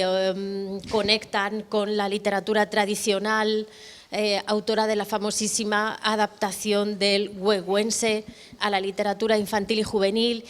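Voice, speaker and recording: Woman presenter, smooth even voice, hesitant intro, long echo of a big hall. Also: medium pitch. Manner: hesitant, searching for words. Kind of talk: introducing a guest speaker. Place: university auditorium. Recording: long reverb in a large hall.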